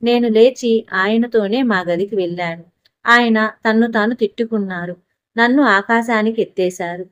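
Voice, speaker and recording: A woman reading a first-person story aloud in a steady, even narrating voice. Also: a little high, normal speed, no echo, lo-fi sound. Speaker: audiobook narrator.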